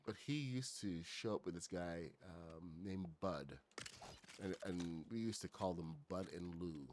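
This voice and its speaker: Man from Barbados, middle-aged, deep low voice, rambling casual stream chat, lots of ums, faint background noise. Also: a little slow. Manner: rambling, filler-heavy, greets chat loudly. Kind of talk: casual gaming livestream chat.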